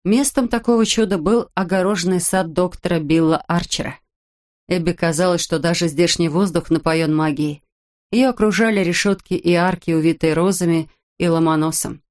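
A woman narrating an audiobook in a measured, even reading voice. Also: lowish voice.

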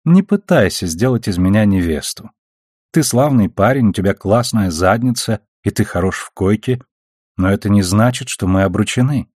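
A blunt, mocking woman crewmate, as a male narrator reads her in an audiobook. The voice is low and husky, and it sounds dry and close, with no room around it. She speaks frankly and teases easily. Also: lively intonation, normal speed, darkish tone, dry recording. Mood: teasing. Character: blunt, teasing woman crew member. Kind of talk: audiobook character reading.

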